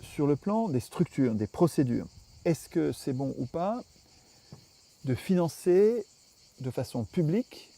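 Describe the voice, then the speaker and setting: French guy in an interview, gravelly and dark, thinks out loud and restarts a lot. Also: fairly high pitch, very animated, slow. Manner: emphatic, reasoning aloud with many restarts. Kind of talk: political interview, explaining at length.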